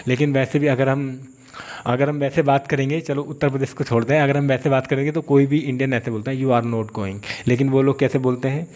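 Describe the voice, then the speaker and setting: Man teaching slowly. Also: mid-range voice, level tone, darkish tone. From India. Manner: explains slowly and repeats phrases, stretching out example words. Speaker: English teacher. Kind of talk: classroom-style spoken lesson.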